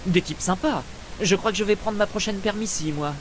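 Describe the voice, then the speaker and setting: An actor voicing a wry starship pilot who speaks over a cockpit radio headset in crisp radio procedure, with dry sarcastic asides. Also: male voice, sits high, fairly quick, background noise. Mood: sardonic. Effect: cockpit radio headset transmission. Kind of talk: video game dialogue.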